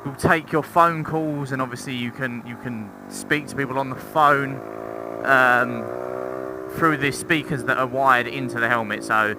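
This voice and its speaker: Riding outdoors on the road, this young man reviews something in an informal, rambling way, swearing a bit and poking fun at himself. He speaks a little slowly in a mid-range voice with fairly even intonation. He's a motorcycle vlogger using a helmet intercom microphone that picks up loud engine and road noise.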